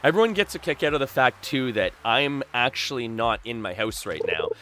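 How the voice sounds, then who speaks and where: A man's voice: medium pitch, lively intonation, fairly quick, sharp tone, slight background noise. A boisterous, chatty man from Canada hosting a casual livestream, talking with his viewers. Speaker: live game streamer and host. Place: small backyard shed used as a streaming room.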